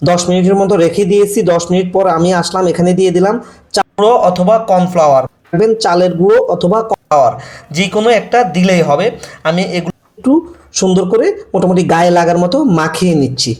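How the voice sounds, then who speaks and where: A man giving slow, repetitive step-by-step cooking instructions for a recipe. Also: sits high, darkish tone. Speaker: cooking channel host. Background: frying and sizzling from the pan.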